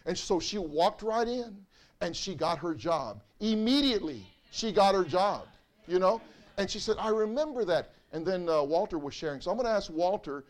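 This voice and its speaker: A male pastor with a high voice speaks to his congregation in a church. He preaches conversationally, circling back and repeating phrases as he pours out his feelings. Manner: conversational, repetitive, emotional preaching. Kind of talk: sermon. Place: church sanctuary.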